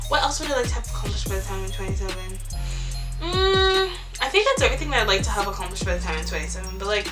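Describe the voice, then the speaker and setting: A woman's voice: mid-range voice, very animated, fast. A seventeen-year-old girl vlogging to camera in casual chat, rambling and saying "like" a lot. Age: teens. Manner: chatty, rambling, lots of "like" and "ew". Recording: music playing under the voice.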